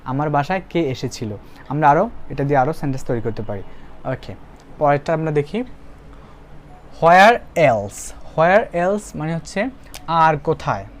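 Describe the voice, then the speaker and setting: A man teaching spoken English, saying example phrases slowly and word by word for the learner to repeat. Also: fairly high pitch, lively intonation, a little hiss or hum.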